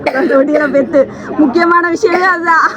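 A woman's voice: very high voice, a little fast, a crowd in the background. A woman with a Sri Lankan Tamil accent, presenting a surprise delivery and teasing a family with coaxing questions. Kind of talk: lively on-the-spot chat with a family.

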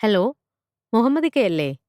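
A woman's voice: a little high, big pitch swings, a little slow, a little mellow, no echo, clean studio sound, voice pushed up. A woman reading a story aloud and voicing a weary woman schoolteacher who coaxes and persuades. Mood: coaxing. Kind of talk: storybook character voice.

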